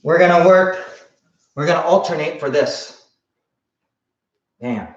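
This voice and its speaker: A man coaching a kids' jiu-jitsu class, explaining casually and calling out drills in short, sharp martial arts commands. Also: a little high, takes it slowly. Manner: casual, explanatory, frequent "right?" check-ins. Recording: muffled, roomy lo-fi class livestream.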